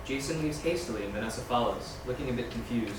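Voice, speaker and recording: At a table read for a screenplay, a fast-talking man with a mid-range voice reads the scene directions as scripted narration. He's far from the microphone inside a large, echoing room. Noise and echo mark the distant recording.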